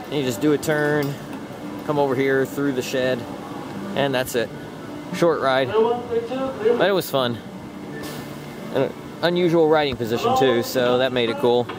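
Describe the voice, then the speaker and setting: A theme park vlogger narrates a casual, off-the-cuff vlog outdoors in an amusement park, using a handheld camera's built-in mic. He makes short, matter-of-fact remarks in a mid-range voice at a measured pace with long pauses, over a noisy background.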